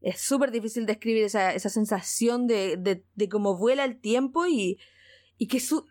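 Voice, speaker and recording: Mujer chilena contando una anécdota emocionada. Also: female voice, a little high, moderate pace. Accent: Chilean Spanish. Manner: excited, repeats words, laughs often. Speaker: guest. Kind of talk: casual storytelling.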